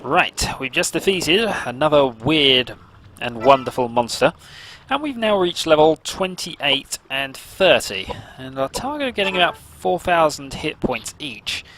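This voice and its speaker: Male let's play host: wry casual commentary, bright tone, varied intonation. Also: on the high side, sing-song, measured pace, a little hiss or hum, poor audio.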